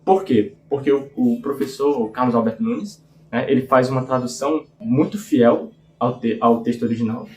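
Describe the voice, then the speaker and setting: A man's voice: medium pitch, fairly even intonation, moderate pace, darkish tone, echoey room. A man hosting a book channel, talking informally and earnestly with lots of filler tags. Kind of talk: casual book review talk.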